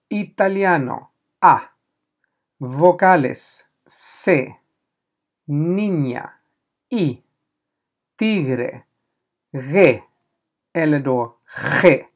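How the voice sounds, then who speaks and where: A language teacher running a question-and-answer lesson, spelling out letters and repeating them patiently, with small hesitations while explaining. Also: medium pitch.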